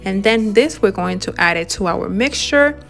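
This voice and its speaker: Gentle enthusiastic woman narrating a bake. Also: medium pitch, lively intonation, moderate pace, vocal fry, soft background music. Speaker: home and cooking vlogger. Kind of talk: voice-over narration of decorating and baking.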